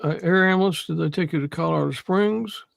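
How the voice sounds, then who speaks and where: Raspy-edged host asking brief questions. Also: male voice, on the high side, fast, no echo, studio quality. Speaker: podcast host. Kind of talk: interview questions.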